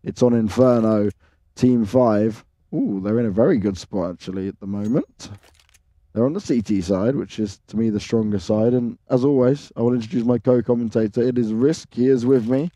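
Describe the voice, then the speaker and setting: Dark, mellow-voiced male esports commentator. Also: mid-range voice, moderate pace. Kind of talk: live esports play-by-play. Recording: faint noise, clicks and game gunfire.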